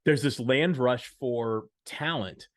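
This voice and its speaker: A man's voice: medium pitch, takes it slowly. A man from the United States co-hosting a casual business podcast, chatting and walking through numbers. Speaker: podcast co-host.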